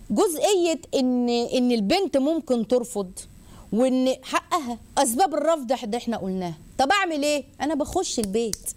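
A woman with an Egyptian Arabic accent hosting a religious advice talk, lively and rhetorical, listing points and mimicking people. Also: high voice. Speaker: host.

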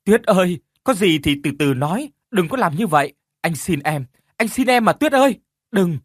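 A man voicing a desperate young man who shouts frantically in an audio story. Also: high voice, very animated, moderate pace, breathy edge, no room sound, studio quality, pitched above the performer's own voice, heavily acted.

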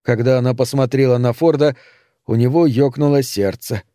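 A man narrates an audiobook from a script, telling the story in a steady, expressive way. His voice is mid-range and his pace normal, captured as a dry, studio-quality recording.

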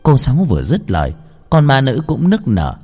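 Husky man narrating a ghost story. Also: medium pitch, huge pitch swings, moderate pace, darkish tone, faint music behind. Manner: dramatic storytelling.

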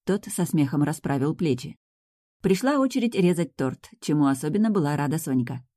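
A woman narrating a first-person audiobook with even, intimate storytelling. Her voice is low and mellow. The recording is dry and close. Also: a little fast, dry recording.

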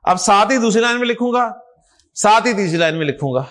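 A man with a notably high voice leads a classroom lesson on Arabic letters. He drills the class patiently, repeating prompts and checking often that everyone understands. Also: expressive, fairly bright tone, low-quality recording. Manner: coaxing, repetitive, frequent checks for understanding. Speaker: Arabic grammar teacher.

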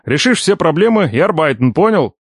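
A bossy, grumbling middle-aged uncle who barks orders and teases with a gruff edge, as a male audiobook reader puts him on. The pitch swings widely through the scolding. The voice sits dry and close, with no room around it. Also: sing-song, a little fast, no room sound, exaggerated voice. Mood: gruff fond. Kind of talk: audiobook character voice.

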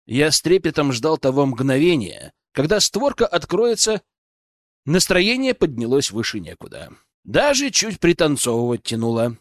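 A man's voice: a little high, sing-song, normal speed, no room sound, studio quality. A man narrating a first-person story as an audiobook, with an ironic, storytelling manner.

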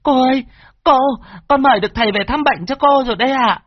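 A woman's voice: high voice, fast, no echo. A woman voicing a timid young female servant girl in an audio story, stammering and deferential. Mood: anxious. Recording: dull lo-fi dry recording.

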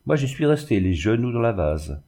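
A man's voice: mid-range voice, sing-song, moderate pace, dark tone. A man reading the part of a bitter, sarcastic middle-aged glassmaker in a storybook reading. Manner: sarcastic and sneering.

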